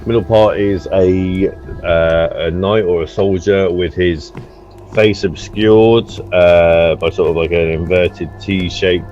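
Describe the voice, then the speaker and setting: A man with a very low voice gives hesitant, halting descriptions during a co-op game. He sounds unsure as he goes, signing off like a radio operator. The sound is a little dull, with faint game music behind him. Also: fairly even intonation, darkish tone. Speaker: let's play gamer. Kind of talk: co-op game commentary, radio-style relaying of clues.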